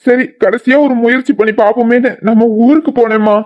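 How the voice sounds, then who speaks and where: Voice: mid-range voice, fairly even intonation, brisk, muffled recording, close to an everyday voice. A voice actor playing a remorseful middle-aged father in a cartoon drama, lamenting and blaming himself. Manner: lamenting, self-blaming, then angry.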